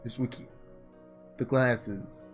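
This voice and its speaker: Taking it slowly, a man with a mid-range voice and fairly even intonation gives casual commentary on a visual novel, reading dialogue aloud and musing as he plays. Background music accompanies him.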